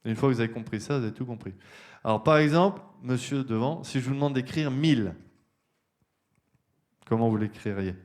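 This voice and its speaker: A man's voice: medium pitch, brisk, long pauses, darkish tone. A man, an archaeologist, giving a public lecture, explaining step by step with frequent fillers and questions to the audience. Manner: explanatory, many fillers like euh and hein, addresses audience directly. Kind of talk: university lecture. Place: lecture hall.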